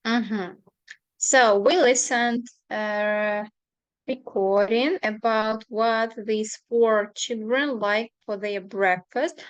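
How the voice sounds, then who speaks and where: A woman teaching an English class online, speaking slowly and hesitantly with many fillers. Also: fairly high pitch, fairly even intonation, smooth, no echo, lo-fi sound. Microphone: computer mic on video call.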